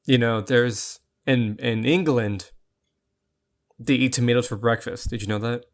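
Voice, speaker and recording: Speaking unhurriedly with fairly even intonation, this young man co-hosts a podcast in a medium-pitched voice. His casual chat wanders through joking anecdotes that are full of restarts.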